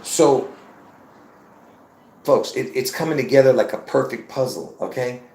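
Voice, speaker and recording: A livestream host in his fifties delivers a rambling monologue, circling back and repeating phrases as he insistently presses his point on viewers, whom he calls "folks." His voice is a typical mid-range male pitch with a darkish tone and a measured pace. The roomy space adds a noticeable echo to everything.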